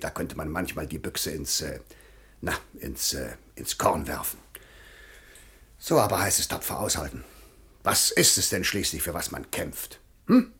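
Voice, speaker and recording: A man's voice: sits low, a bit bright, full character voice. A man playing a pompous, bullying village magistrate in a classic radio play. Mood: weary grumbling. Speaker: official questioning villagers.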